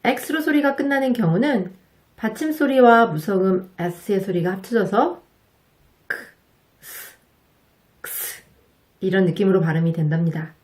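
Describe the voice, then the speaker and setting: A woman teaching English pronunciation to Korean speakers, explaining politely and patiently and modeling each sound slowly and clearly. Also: mid-range voice, darkish tone. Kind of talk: slow, careful instructional narration.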